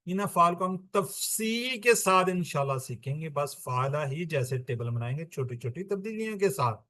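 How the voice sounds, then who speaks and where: A man teaches a Quran lesson. His voice sits fairly high. He explains step by step and poses questions he answers himself. The recording is dry and close. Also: lively intonation, pushed and bright, no room sound. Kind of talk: classroom-style lesson explanation.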